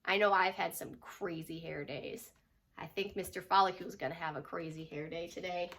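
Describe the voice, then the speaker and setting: A woman with a voice on the low side reads a children's story aloud at a moderate pace, teacher-fashion. She brings expression to it, stressing repeated words and asking the listeners questions.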